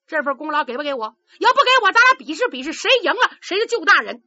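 A woman's voice: sits high, big pitch swings, moderate pace, bright, forceful tone, no room sound, highs cut off, heavily acted. A woman voicing a cocky, boastful young boy fighter who brags eagerly. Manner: brash, eager, bragging.

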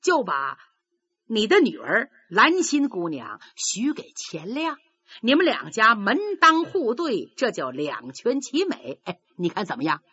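A woman voicing a sly middle-aged man who speaks in a hushed, wheedling way in a storytelling performance. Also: medium pitch, huge pitch swings, unhurried, breathy edge, dry recording, dull audio, heavily acted. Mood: coaxing.

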